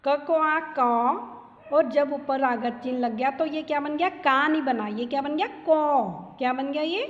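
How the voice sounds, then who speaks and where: A woman teaches young children to read, sounding out each letter and syllable one by one. Her voice sits high and moves slowly. The recording is dull and lo-fi, with a long reverb trailing her words. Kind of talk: Hindi phonics lesson for young children.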